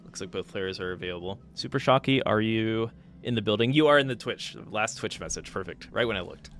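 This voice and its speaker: A man with a fairly low, fairly bright voice speaks animatedly and a little fast while hosting a live stream. He casually casts game matches and chats with players, thinking out loud with fillers.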